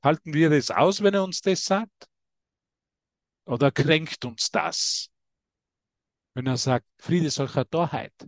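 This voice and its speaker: A man giving a lively spiritual talk to a group, preaching and calling listeners by name. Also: a little high, takes it slowly, long pauses, no room sound, clean studio sound. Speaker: spiritual teacher.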